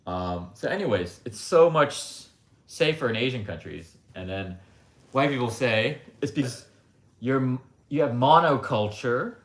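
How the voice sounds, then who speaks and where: With lively intonation and a medium pitch, an American livestream host talks a little slowly in a casual, opinionated monologue. He's blunt and rambles, tossing in plenty of asides, and the room echoes around him.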